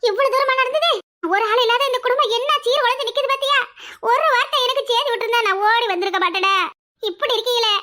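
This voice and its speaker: A woman's voice: extremely high pitch, a little fast, pushed and bright. A woman voicing a young married village daughter with a Kanyakumari Tamil accent, weepy and melodramatic, for a cartoon. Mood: alarmed. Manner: wailing, melodramatic laments. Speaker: daughter in a family quarrel.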